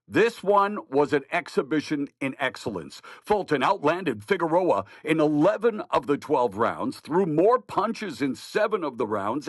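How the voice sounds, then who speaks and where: A man's voice: fairly high pitch, no room sound, studio quality. A middle-aged man hosting a scripted news roundup, delivering it with punchy emphasis and wisecracks. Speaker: host.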